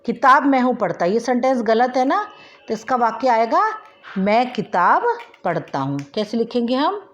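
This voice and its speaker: A woman teacher giving a recorded primary school language lesson, dictating example words slowly and mixing in English words. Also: on the high side, animated, a bit bright, muffled recording. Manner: slow, deliberate dictation of example words and sentences; mixes English words into Hindi. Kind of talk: recorded online class lesson.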